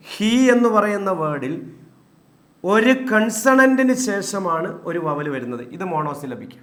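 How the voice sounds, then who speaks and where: Guy teaching a class, high voice, talks slow, keeps asking himself questions. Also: roomy sound. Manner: explains slowly, repeats points, asks and answers his own questions. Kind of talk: exam-prep lecture.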